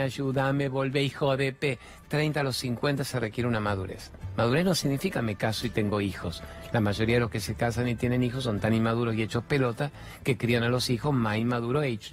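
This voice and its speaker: Delivering spiritual self-help, a middle-aged Rioplatense Spanish speaker talks emphatically in a mid-range voice. Rhetorical questions and casual slang run throughout his speech.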